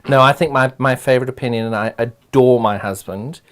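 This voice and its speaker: A woman's voice: very deep voice, fairly quick. A middle-aged woman with a broad South African accent, chatting casually through a craft demonstration with dry, teasing humour. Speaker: craft presenter and teacher.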